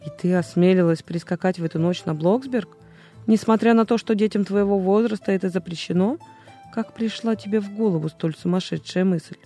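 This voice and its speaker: Female reader playing a commanding chief witch, stern and booming, soft music behind. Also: brisk, close to an everyday voice.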